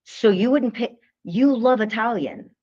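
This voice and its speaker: A woman's voice: fairly high pitch, unhurried. Chatty woman co-hosting on dull audio. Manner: chatty, animated storyteller who laughs often. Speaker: co-host. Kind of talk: casual chat.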